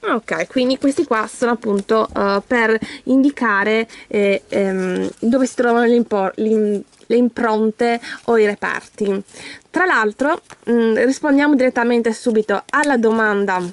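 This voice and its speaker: A woman's voice: on the high side, a little slow. A woman vlogging in a chatty way, talking straight to her viewers and reading a children's story aloud. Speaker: YouTuber opening an advent calendar. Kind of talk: casual vlog chat and reading a story aloud.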